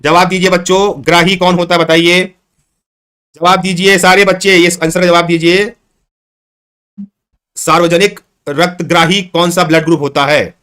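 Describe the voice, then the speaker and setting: Teacher guy, high bright voice, keeps repeating questions and calling everyone kids. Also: level tone, normal speed, long pauses, smooth. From Chhattisgarh, India. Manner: coaxing, calls students children, repeats questions. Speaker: online exam-prep teacher. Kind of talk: live online class.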